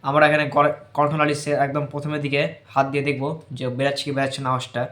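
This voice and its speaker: A man giving an informal lesson, explaining patiently and loudly repeating the letter sounds for practice. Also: mid-range voice, little pitch movement, racing, roomy sound. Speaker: teacher of Quran letter pronunciation.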